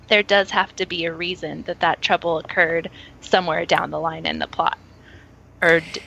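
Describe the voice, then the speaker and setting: A woman co-hosting a podcast, wondering aloud in an animated, casual way. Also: fairly low pitch, creaky, slight background noise. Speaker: podcast co-host. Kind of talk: casual craft discussion. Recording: dull lo-fi recording.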